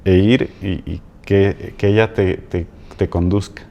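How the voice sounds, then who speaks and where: A man guest coach talking in a halting way, repeating words and checking in with "¿no?". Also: low voice, fairly even intonation, creaky, dark tone, highs cut off. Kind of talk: casual conversation.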